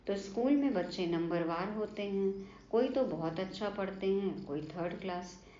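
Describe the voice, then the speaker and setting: A woman's voice: mid-range voice, animated, normal speed, warm tone, a little hiss or hum. A woman giving an earnest devotional sermon who asks questions and answers them herself, often prompting with short "haan" and "hmm?". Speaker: spiritual teacher explaining a daily lesson. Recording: roomy, slightly dull recording.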